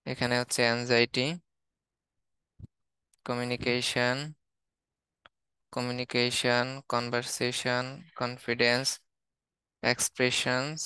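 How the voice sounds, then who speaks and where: Bangladeshi male English teacher, slow flat word-by-word listing, bright crisp close sound. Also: mid-range voice, no echo. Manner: steady, listing words one by one. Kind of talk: reading out a word list in a lesson.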